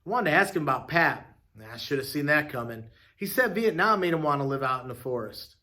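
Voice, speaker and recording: A man reading an audiobook, with steady, low-key storytelling. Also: brisk. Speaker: audiobook narrator. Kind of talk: scripted audiobook narration.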